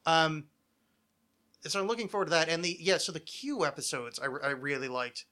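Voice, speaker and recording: A podcast host in his thirties chats casually about television, rambling, digressing, and swearing freely. His voice is on the high side with a sharp tone at a moderate pace.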